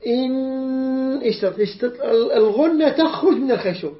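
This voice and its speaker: A man's voice: extremely high pitch, normal speed. A man teaches Quran recitation rules, patiently repeating and quizzing his students. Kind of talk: tajweed lesson with call-and-response drills. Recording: roomy, dull lo-fi recording.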